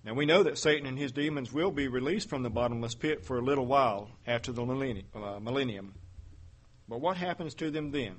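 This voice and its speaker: Male preacher, husky voice, measured Bible teaching with rhetorical questions. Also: mid-range voice.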